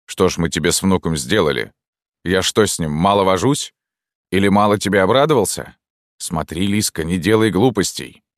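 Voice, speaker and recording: A man's voice: deep voice, moderate pace, no echo, studio quality, pitched above the performer's own voice, natural voice. A man voicing an aging stepfather, a touchy retired officer who complains and scolds. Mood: scolding. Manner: plaintive, scolding.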